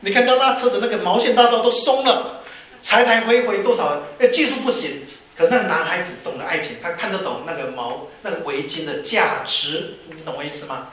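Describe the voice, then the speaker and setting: A man preaching a sermon, telling anecdotes with lively energy and acting out the people in them. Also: high voice, brisk. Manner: lively storyteller who acts out the people in his anecdotes. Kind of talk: sermon with storytelling. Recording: very echoey hall.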